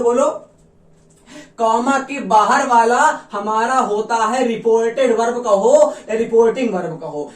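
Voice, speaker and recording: A woman English teacher giving a classroom lecture, repeating points and coaxing her students, calling them "child". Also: fairly high pitch. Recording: echoey room, mic far off.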